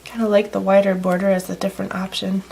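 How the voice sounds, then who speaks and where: A woman's voice: mid-range voice, fast, vocal fry. A woman giving a casual, chatty card-making tutorial with plenty of fillers, a slight frog in her throat. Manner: chatty, relaxed, many fillers. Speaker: stamping craft demonstrator.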